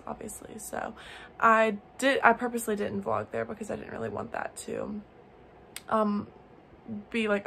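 A woman's voice: mid-range voice, gravelly, slight background noise. A twenty-year-old woman, chatting upbeat to a phone camera held at arm's length in a car and a bedroom. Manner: chatty, upbeat, filler-heavy. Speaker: vlogger. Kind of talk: casual vlog chat.

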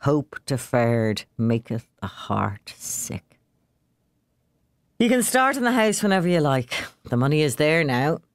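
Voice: mid-range voice, very animated, measured pace, no room sound, clean studio sound. A reader voicing a cheerful, drunk young Irishman who talks in a loose, rambling way. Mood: glum.

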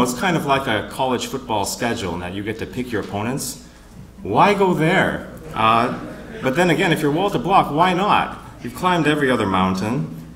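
A man moderating a panel at a conference, opening with wry, teasing jokes and pausing for laughs. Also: mid-range voice, fairly bright tone, echoey room. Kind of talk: joking conference emcee remarks. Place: conference hall with live audience.

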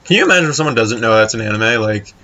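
Bright-voiced man chatting through a game. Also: lowish voice, expressive, rapid-fire, dull audio. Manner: chatty, swears freely, talks to the game character. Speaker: let's play host. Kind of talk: casual gameplay commentary.

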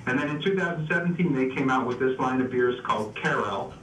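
A man's voice: medium pitch, fast, a bit bright. A man contributing beer news to a radio show. He talks in a casual, easygoing way and often stops to say "uh" and restart. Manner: easygoing, explains with frequent "uh" and restarts. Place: remote call into a radio show. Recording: echoey, distant, faint background noise.

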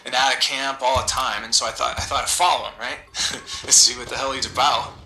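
A man's voice: mid-range voice, fairly even intonation, a little fast, sharp tone, roomy sound, poor audio. A man voicing a chatty, eager young army recruit who rambles, stammers and giggles as he talks over a CB radio. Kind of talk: video game voice acting.

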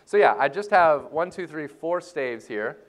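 A man leading a church music lesson for a class, joking and playful as he explains reading music and warming up voices. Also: fairly high pitch, lively intonation, a little slow. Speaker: music teacher. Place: church hall.

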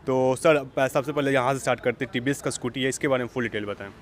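Here a young vlogger host talks fast at a medium pitch, walking viewers through an outdoor lot of used vehicles in an upbeat way. He repeats the seller's responses, speaking into a lapel-style mic held in his hand.

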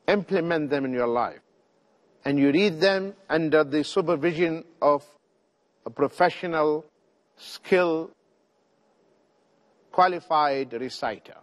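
A middle-aged man giving a televised religious lecture, exhorting his listeners in deliberate short phrases. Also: on the high side, fairly bright tone. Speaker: Islamic preacher.

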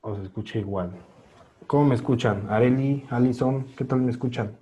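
Guy teaching english sounds on a video call, patient, says each word slow a few times, kinda raspy. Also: mid-range voice, dark tone, highs cut off. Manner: patient, repeats words slowly for drilling. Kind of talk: online class instruction. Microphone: computer microphone on a video call.

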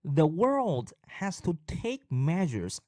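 A man from China teaching an English vocabulary lesson in a lively, explanatory way, mixing in English example sentences. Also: fairly high pitch, slow pace, dry recording, clean studio sound.

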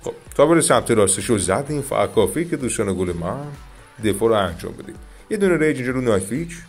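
A man with an Iranian Persian accent giving chatty, excited commentary on a mobile game, often addressing his viewers as dear friends. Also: lowish voice, husky, faint music behind. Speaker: gaming YouTuber. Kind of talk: casual gameplay commentary.

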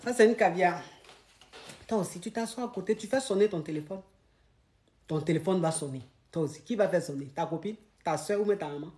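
Emphatic woman giving relationship advice. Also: mid-range voice. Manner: lively, emphatic, acts out scenes, repeats for emphasis. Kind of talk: animated advice monologue.

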